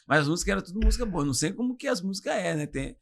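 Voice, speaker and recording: A man's voice: high-pitched, racing, gravelly. A man with an inland São Paulo accent, a podcast guest telling funny stories from his playing days in a casual chat and laughing as he goes. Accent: São Paulo interior. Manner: animated storyteller, laughs through anecdotes. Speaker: podcast guest, former footballer.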